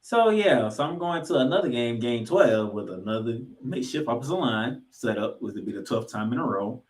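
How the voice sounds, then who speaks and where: A sports podcast host offers football commentary with real emphasis, leaning on dramatic pauses and phrases he says again and again. He has an expressive, mid-range voice.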